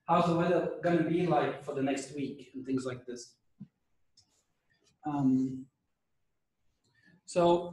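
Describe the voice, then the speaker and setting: A man lecturing a class while losing his voice and clearing his throat, talking conversationally and checking in with his students. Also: on the high side, darkish tone, slight background noise. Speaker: university lecturer. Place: lecture room. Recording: echoey room, mic at a distance.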